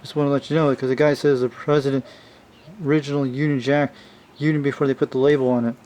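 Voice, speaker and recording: Captured on a noisy amateur home video, a hobbyist presents a vintage CB radio in an informal, meandering way, calling his audience "you guys." His medium-pitched voice is a little mellow, quick, and flat in delivery.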